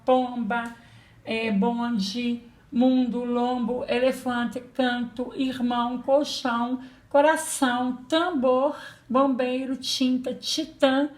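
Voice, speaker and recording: A woman's voice: fairly high pitch, fairly even intonation, takes it slowly, darkish tone. A woman teacher giving a patient children's lesson, spelling out letters and sounds. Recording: echoey room.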